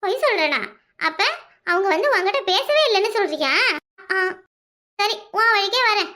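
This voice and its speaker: A woman's voice: extremely high pitch, animated, moderate pace, bright, forceful tone, exaggerated voice. A woman voicing a sly, gossiping young sister-in-law in a cartoon, with a Kanyakumari Tamil accent and a wheedling manner. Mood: needling.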